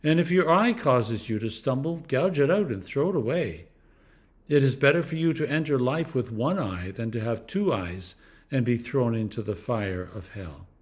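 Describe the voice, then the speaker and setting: A clergyman reads scripture aloud deliberately and expressively, using dramatic emphasis and pauses. His voice is medium-pitched, in the style of devotional narration.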